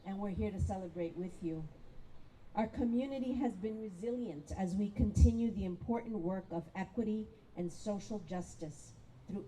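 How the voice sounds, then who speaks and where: A woman's voice: medium pitch, dark tone, a little hiss or hum, rough recording. A woman school principal giving a heartfelt, emotional graduation speech into a podium microphone. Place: graduation ceremony.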